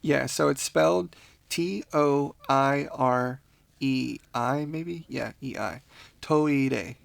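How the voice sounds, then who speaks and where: A man's voice: mid-range voice, slow pace, creaky, no echo. A man teaching a casual beginner language lesson on a podcast, patient and laughing often.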